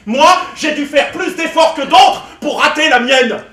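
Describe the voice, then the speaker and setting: A man performing a satirical one-man stage show in a sarcastic, theatrical way, often shouting punchlines. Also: extremely high pitch, measured pace, roomy sound, distant mic. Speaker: comedian.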